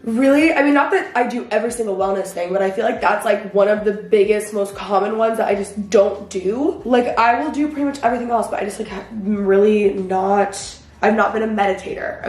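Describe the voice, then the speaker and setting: A woman's voice: mid-range voice, brisk, roomy sound. A young woman chatting casually to the camera for her vlog, full of fillers and self-mocking asides, recorded in her home garage. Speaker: vlogger.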